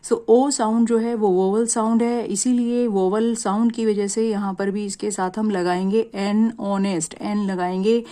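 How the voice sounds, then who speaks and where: A woman's voice: on the high side, steady tone, dark tone. A woman teaching a grammar lesson to students, explaining step by step, asking rhetorical questions and using the filler "jo hai" often. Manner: explains step by step, asks rhetorical questions, drawls example words slowly. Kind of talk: classroom lesson.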